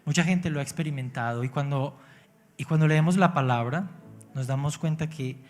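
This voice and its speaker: A male pastor preaches in church, his voice sitting a little high for a man. He pokes fun at himself and keeps turning to the congregation with questions, while soft music plays faintly behind him. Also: normal speed. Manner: engaging, asks the congregation questions; humorous, self-mocking. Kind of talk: sermon.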